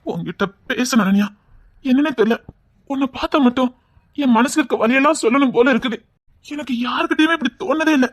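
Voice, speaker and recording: A man with a Tirunelveli Tamil accent, playing a scheming young man who talks softly and wheedles. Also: very high-pitched, brisk. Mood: wheedling. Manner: soft wheedling voice that turns mocking. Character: scheming young man, fake-tearful, later cold and harsh. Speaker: actor in a skit. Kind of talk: melodramatic skit acting.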